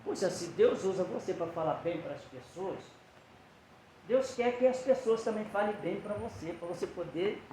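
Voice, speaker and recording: A man's voice: high-pitched, darkish tone. A man preaching in a casual, conversational way, retelling scripture stories and acting out the quotes in a church hall. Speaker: lay preacher. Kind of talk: sermon. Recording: roomy echo, faint background noise.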